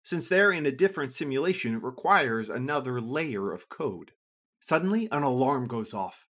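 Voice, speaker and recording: A storyteller reading a scripted adventure story for children, with an expressive, lively delivery. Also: normal speed. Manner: lively, expressive reading with a wide pitch range.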